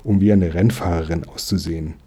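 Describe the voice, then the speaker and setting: A man's voice: low-pitched, steady tone, a little fast, mellow, slightly rough. A man reading aloud, voicing an eager, stubborn young boy in a storybook. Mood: insistent. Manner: eager and insistent.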